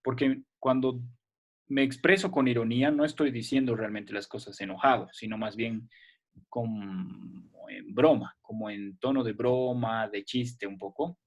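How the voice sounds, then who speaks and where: A man's voice: medium pitch, moderate pace. A male teacher giving a remote class to children, explaining patiently step by step and checking often that they follow.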